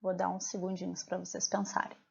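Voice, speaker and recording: A woman's voice: fairly low pitch, monotone, fairly quick, creaky, a little mellow, husky, dull audio. A woman teacher with a Brazilian Portuguese accent, explaining a recorded lesson patiently and asking her pupils questions.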